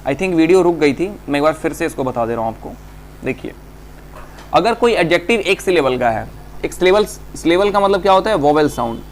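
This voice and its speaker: Male grammar teacher, fairly high voice, slow English, rapid Hindi, quiet hum in the room. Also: expressive. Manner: reads English examples slowly, explains in quick Hindi; asks students questions and answers them himself. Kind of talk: exam-prep grammar lesson.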